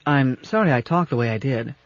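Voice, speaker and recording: A man's voice: a little fast, close to an everyday voice. A man reading an audiobook voices a timid, tearful female ship computer that sounds like a little girl and sometimes swears. The recording is dull and lo-fi. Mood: timid, pleading. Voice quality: childlike, squeaky. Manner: whiny, pleading.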